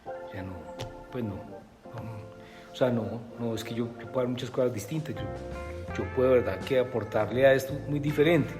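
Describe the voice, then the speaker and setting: A man's voice: medium pitch, normal speed, big-room sound, music in the background. A man telling a personal story in a rambling way, full of filler words, as an interview guest. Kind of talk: conversational storytelling.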